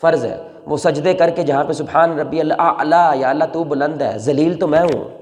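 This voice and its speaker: Impassioned high-voiced male preacher in a hall. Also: fairly even intonation. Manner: impassioned, swings from soft pleading to loud exhortation. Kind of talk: emotional storytelling sermon. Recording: long reverb in a large hall.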